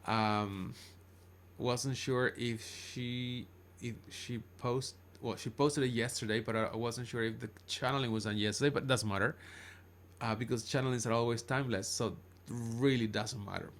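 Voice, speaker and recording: A man's voice: medium pitch, steady tone, moderate pace, a little hiss or hum. A man from Chile with a Chilean accent, a native Spanish speaker, talking casually and unscripted as a live streamer, rambling and often backtracking to correct himself. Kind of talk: casual unscripted livestream monologue in English.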